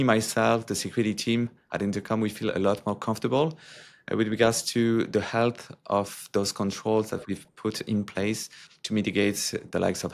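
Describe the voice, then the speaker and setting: This man, a security executive, stumbles through interview answers with plenty of fillers. He has a lowish, creaky voice.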